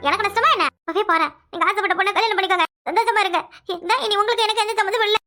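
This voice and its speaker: A woman voicing a fiery, quarrelsome young wife in a cartoon, scolding quickly and repeating her lines. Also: very high-pitched, loud music behind the voice. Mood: angry, scolding. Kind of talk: cartoon voice acting.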